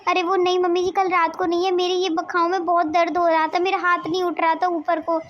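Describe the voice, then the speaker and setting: Cartoon: dutiful young daughter-in-law, very high, pleading tone. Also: female voice, flat delivery, a little fast, lo-fi sound. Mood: apologetic. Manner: apologetic, pleading.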